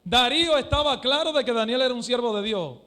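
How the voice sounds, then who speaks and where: A man preaching a sermon as pastor, fervent, swinging from hushed to shouted and asking his listeners direct questions. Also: very high voice, lively intonation, brisk. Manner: asks the congregation direct questions.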